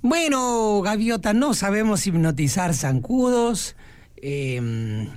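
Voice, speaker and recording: A chatty male vulture hosts a children's radio show, voiced by a woman. He speaks, stops often on fillers, and his pitch rises and falls widely. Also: big pitch swings, takes it slowly, a little mellow. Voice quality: full of hesitant fillers.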